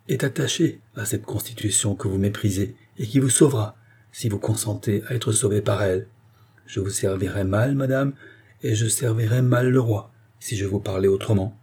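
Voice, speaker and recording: A shrewd minister in his fifties argues calmly and persuasively, as a male reader plays him. The voice is low and husky, with a dark, mellow color. It is an audiobook performance. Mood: earnest. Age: 50s. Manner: calm, measured and persuasive.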